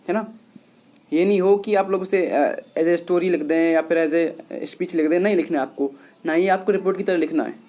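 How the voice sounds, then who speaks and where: This high, slightly mellow male voice belongs to an English teacher mid-lesson. He takes his time explaining, says things more than once, and speaks to his students as if they were children.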